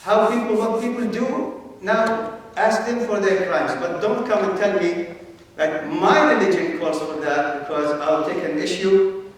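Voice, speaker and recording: A man from Palestine giving an earnest religious lecture as a guest scholar, explaining step by step with frequent pauses. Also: high voice. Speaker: Islamic scholar, guest speaker. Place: large mosque hall. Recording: very echoey hall, voice from a distance.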